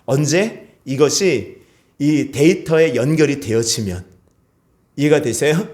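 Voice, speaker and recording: Korean pastor preaching, questioning the flock. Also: male voice, fairly high pitch, measured pace, a little mellow. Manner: asks the congregation questions and calls for amens. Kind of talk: sermon. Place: church sanctuary.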